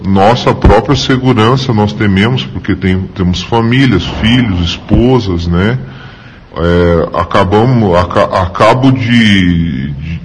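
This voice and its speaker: A man's voice: lowish voice, breathy edge. A shop owner speaking hesitantly in a street interview, his voice disguised by a voice changer. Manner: hesitant, many filler sounds. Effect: voice altered by a voice changer.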